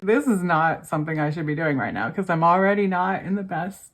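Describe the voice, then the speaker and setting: A young budgeting vlogger with a cold chats casually to camera about her budget, her voice failing. It's fairly low, animated, and brisk, and though she's worn out she keeps addressing her viewers as "you guys."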